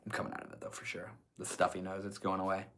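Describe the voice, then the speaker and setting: Speaking fast in a low, fairly bright voice with a completely flat delivery, a stuffy-nosed young man chats casually with his stream audience while reading chat. He's laid-back and swears a lot. There's slight background noise.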